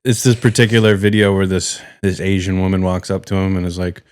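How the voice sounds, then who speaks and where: A man co-hosting a podcast in casual chat, laid-back and halting. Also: low voice, steady tone, a little mellow, smooth, no echo, clean studio sound. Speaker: podcast co-host.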